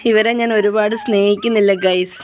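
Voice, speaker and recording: A woman vlogging about her puppies in a casual chat, coaxing them softly and repeating herself. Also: mid-range voice, fairly even intonation, fairly quick, a little hiss or hum. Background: puppies whining.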